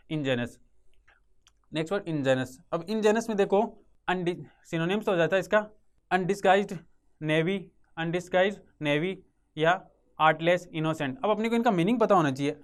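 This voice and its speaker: A man with a Rajasthani Hindi accent teaches English vocabulary for exam prep, on a close mic in a classroom or studio. His voice sits high and rings clear and smooth. He repeats each word and asks and answers his own questions.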